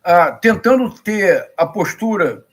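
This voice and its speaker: Male political commentator, middle-aged, Rio Brazilian accent. Notably high register, lecturing and emphatic, builds points through repetition. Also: lively intonation, takes it slowly. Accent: Rio de Janeiro Brazilian Portuguese. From Rio de Janeiro, Brazil. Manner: emphatic, didactic, rhetorical questions and repetition.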